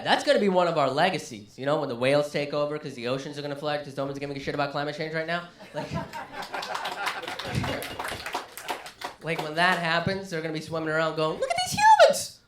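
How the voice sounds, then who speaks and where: A male comedian doing a live stand-up set in a small listening room, ranting and animated. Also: on the high side, roomy sound.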